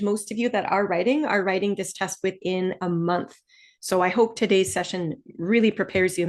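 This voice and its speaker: Speaking at a medium pitch, a woman with an Ontario accent from Canada runs an online test-prep webinar. She explains things in a friendly way and slows down to stress the key points.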